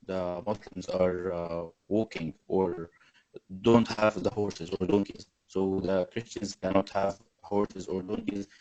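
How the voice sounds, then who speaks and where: A young man from Egypt, giving a halting webinar presentation full of fillers and restarts over a video call. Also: low-pitched, flat delivery, warm tone, no echo, poor audio. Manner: hesitant, many fillers and restarts. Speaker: webinar panelist. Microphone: video call mic.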